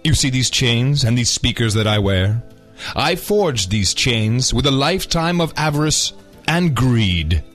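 A man voicing the stern, mournful ghost of a greedy businessman in an audio drama, with an unearthly voice and solemn, drawn-out delivery. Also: medium pitch, animated, fairly bright tone, soft background music. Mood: mournful, regretful.

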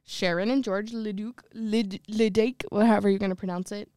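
Woman, young adult, podcast co-host, casual storytelling, slangy joking asides, smooth voice, dry close sound. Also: mid-range voice, steady tone, normal speed, a little mellow, no room sound. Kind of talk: casual chat while reading a ghost story from notes.

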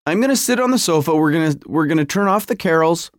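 Fairly high-pitched and expressive, a man speaks at a quick pace while hosting a casual solo podcast from his home garage. He feels cold, keeps interrupting himself, and rambles with a wry tone, all in studio-quality sound with no room noise.

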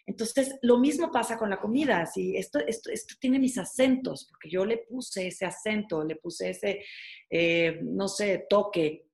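A woman's voice: medium pitch, unhurried, creaky, a little mellow. A woman chef in her forties telling her story in a casual interview, chatty, with many fillers and restarts.

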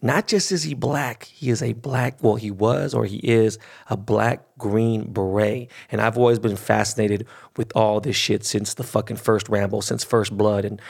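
A man, hosting a casual podcast interview in a profane, excitable way. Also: lowish voice, normal speed, vocal fry, few pauses, husky. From Los Angeles. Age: 40s. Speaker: podcast host.

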